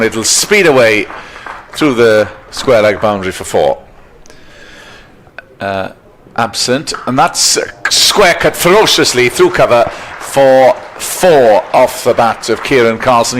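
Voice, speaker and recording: A man calls live cricket in a medium-pitched voice. His commentary is descriptive and appreciative, over a faint bed of ground ambience. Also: a bit bright, a little hiss or hum.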